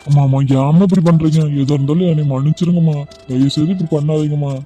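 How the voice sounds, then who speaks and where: A man's voice: fairly high pitch, steady tone, fast talker, mellow, husky, faint music behind. A man voicing a meek young son in an amateur cartoon, speaking in a hesitant, pleading way.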